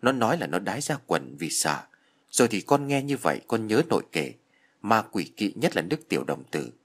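A man's voice: on the low side, big pitch swings, fairly quick. A man voicing a frightened, polite village boy who pleads earnestly.

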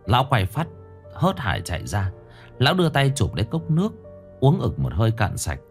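A man's voice: mid-range voice, huge pitch swings, fairly quick, faint music behind. A man narrating a horror story with a dramatic, suspenseful delivery.

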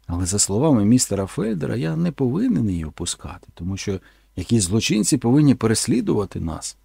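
A man's voice: lowish voice, big pitch swings, fast, vocal fry, dark tone, husky, no room sound, studio quality. A man reading a first-person story aloud in a plain, earnest storytelling manner. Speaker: audiobook narrator. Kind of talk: first-person audiobook narration.

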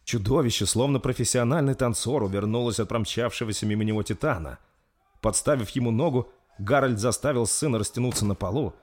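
A man reading a dark fantasy story aloud in a steady, dramatic narration. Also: medium pitch, fairly quick. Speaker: audiobook narrator.

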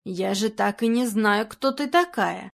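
A jittery aging actress, flustered and anxious, her questions tumbling out one after another, as a woman reads her in a storybook. She sounds uneasy and quick to startle. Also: mid-range voice, creaky. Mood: wary. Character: nervous aging woman film actress, jumpy.

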